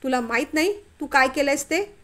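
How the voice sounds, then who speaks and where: Woman doing an angry male boss, stern, accusing, high voice, storybook. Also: moderate pace, fairly bright tone. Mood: furious. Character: angry middle-aged male office boss, harsh.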